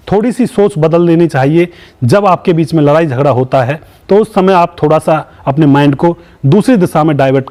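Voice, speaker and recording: Man, channel host, fairly high voice, crime story retelling, chatty address to viewers, moralizing. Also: darkish tone. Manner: keeps addressing viewers as friends; moralizing, asks viewers for opinions.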